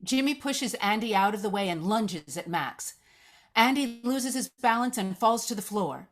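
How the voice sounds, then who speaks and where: A woman with an expressive mid-range voice and a fairly bright tone reads at normal speed. She narrates the stage directions of a screenplay at a live read, describing the action and occasionally stumbling over the text.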